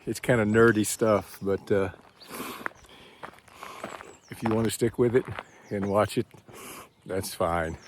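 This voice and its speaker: A man's voice: on the low side, takes it slowly, pauses often, slight background noise. Texan guy walking a trail, phone in hand, just rambling and chatting to the camera. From Texas. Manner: rambling, chatty, thinking aloud. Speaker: vlogger. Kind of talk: casual walking vlog. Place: outdoors on a rural trail.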